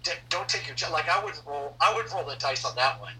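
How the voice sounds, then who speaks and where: Male interviewer, very bright tone, faint background noise, mic a little far off. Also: fairly high pitch, expressive, a little fast. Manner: rambling, searching questions with many restarts. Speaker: podcast host. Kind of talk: casual interview questions.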